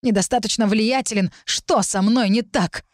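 A woman's voice: mid-range voice, normal speed, no room sound, close to an everyday voice. Narrator lady doing a bitter hot-headed guy, desperate and pushy, dry sound. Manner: pleading then menacing, tense. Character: young man, volatile, desperate and bitter.

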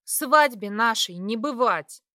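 A woman's voice: fairly high pitch, animated, unhurried, no room sound, clean studio sound. A young woman voicing a defiant female student who answers back in heated, raised bursts. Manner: heated, raised, sharp outbursts.

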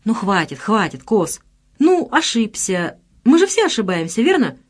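A woman reading as a calm young man soothing friends. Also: medium pitch, normal speed, slightly rough, voice pushed up. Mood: placating. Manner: placating, joking. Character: easygoing young male gangster hero.

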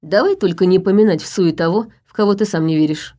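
A woman's voice: fairly low pitch, quick pace, dark tone, natural voice. A woman doing a possessed young man, mocking. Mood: cold mocking. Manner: taunting, menacing.

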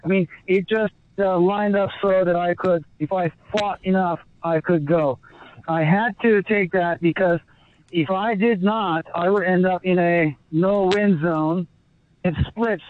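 A man speaking over a satellite phone line with delay, an ocean rower being interviewed from his boat, talking in a halting way with many fillers and restarts. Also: high voice, fairly even intonation, dry recording. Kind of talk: remote interview guest. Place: small rowing boat out at sea. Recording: tinny satellite phone line relayed through a video call.

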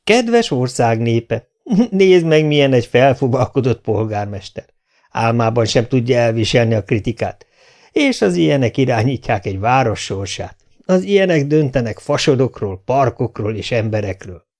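A man's voice: medium pitch, expressive, darkish tone, natural voice. A man voicing a bold, mocking history teacher who speaks theatrically and stretches his words.

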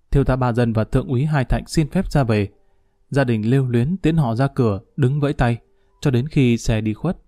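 A man narrating a crime story in a steady, measured storytelling voice. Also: medium pitch, dry recording.

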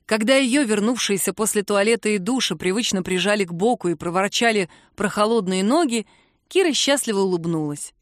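A woman narrating a romance novel as an audiobook reader, calm and even. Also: medium pitch, brisk, no room sound. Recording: dry close studio sound.

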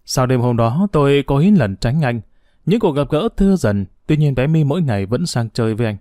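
A man's voice: mid-range voice, expressive, fairly quick, warm tone, no echo, clean studio sound. A man reading a first-person story aloud in an earnest, scripted narration.

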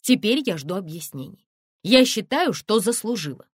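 A woman reading an audiobook and voicing an indignant, pushy young woman who speaks in raised, sharp outbursts. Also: mid-range voice, animated, normal speed, husky, no echo, studio quality, voice pushed up.

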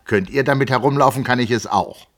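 A man's voice: mid-range voice, a little fast, voice pushed up, natural voice. A man voicing a stubborn, mildly mocking young engineer who argues precisely and a little sluggishly, in a literary audiobook reading. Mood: insistent, mocking. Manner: precise, argumentative, slightly sluggish.

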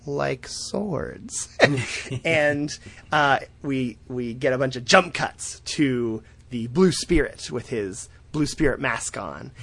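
Casual man recapping a cartoon, laughing. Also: medium pitch. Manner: animated retelling, acts out quotes in quick voices; laughs often, swears casually. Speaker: podcast host recapping a cartoon episode. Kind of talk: casual chat.

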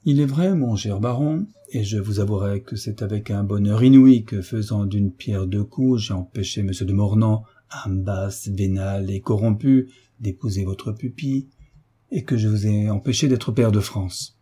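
A man voicing a sly, ironic hunchbacked marquis in an audiobook, teasing with drawn-out courtesy. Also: fairly low pitch, mellow, breathy edge. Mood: mocking. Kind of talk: audiobook character reading.

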